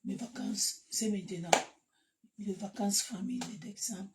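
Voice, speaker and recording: A woman with a Cameroonian French accent chatting casually to her followers, animated and breaking into loud bursts. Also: mid-range voice, a little slow, heavy background noise. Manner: animated, laughs loudly, shifts to loud bursts. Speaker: social media live host. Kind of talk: casual live chat to followers.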